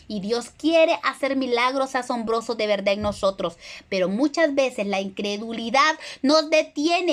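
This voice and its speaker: A woman with a high voice preaches with earnest conviction. She retells scripture and gives the people in it their own voiced lines. She sounds middle-aged. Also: a bit bright. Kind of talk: sermon.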